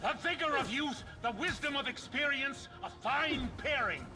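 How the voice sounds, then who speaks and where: An actor playing a gruff, proud older male winged villain in a video game, menacing and theatrical. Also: very high-pitched, animated, normal speed, music in the background.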